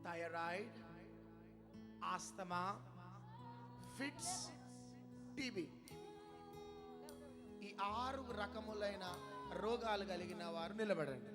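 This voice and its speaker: A man leads a charismatic deliverance service, his voice pitched high. He hammers the same short questions and orders again and again, often breaking into shouts. Loud music plays behind him the whole time. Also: expressive, slow, pauses often. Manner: repeats sharp commands and questions, bursts into shouts. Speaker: preacher leading a deliverance prayer.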